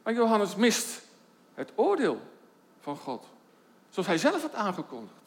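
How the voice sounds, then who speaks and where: A man preaching a sermon, explaining scripture in a measured way and posing rhetorical questions to the congregation. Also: high-pitched, wildly swooping pitch. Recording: long reverb of a church hall.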